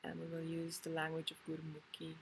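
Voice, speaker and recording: A woman from Finland, a Kundalini yoga teacher talking a class through a calm, unhurried introduction and often pausing to find her words. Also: sits low, a little hiss or hum, poor audio.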